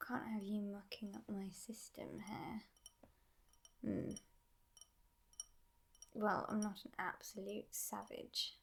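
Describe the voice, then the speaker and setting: A woman playing a teasing but gentle devil in a whispered ASMR role-play, in a breathy, hushed voice with musing pauses. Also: medium pitch, little pitch movement. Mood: teasing, probing, then musing, playful.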